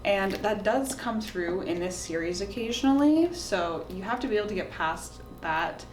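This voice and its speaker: Animated and at a normal speed, a woman hosts a video where she chats informally to camera, recommending books with clear opinions. The room echoes, and faint background noise and rumble can be heard.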